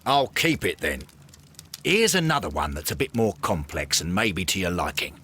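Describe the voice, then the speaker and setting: A man's voice: deep voice, sing-song, normal speed, sharp tone, husky, full character voice. A man acting a blustering, easily flustered Victorian police inspector in a game, with an English accent and emphatic delivery. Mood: brisk reporting. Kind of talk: video game cutscene acting.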